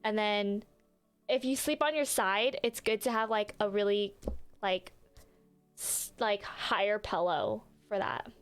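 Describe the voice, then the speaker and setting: A woman's voice: medium pitch, measured pace, clean tone. A young woman livestreaming in a casual, chatty way, apologetic and full of fillers. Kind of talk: casual live-stream chat. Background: faint background music.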